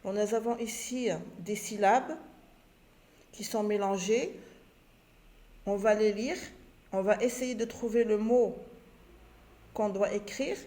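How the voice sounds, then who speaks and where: A woman teacher talks slowly and patiently to young pupils, breaking words into syllables and repeating each instruction. Her voice is dark and mellow, with a measured pace. It is an unhurried recorded lesson. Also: medium pitch, steady tone. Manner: slow, patient, spells out syllables. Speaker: primary school teacher. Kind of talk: recorded home-learning lesson.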